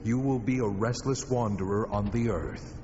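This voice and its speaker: A man as God, deep and vastly reverberant. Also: close to an everyday voice. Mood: stern warning. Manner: solemn, measured, authoritative. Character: God, a commanding, solemn male deity pronouncing judgment. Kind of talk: dramatized scripture reading. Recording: long cavernous reverb, dull band-limited sound. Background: loud music.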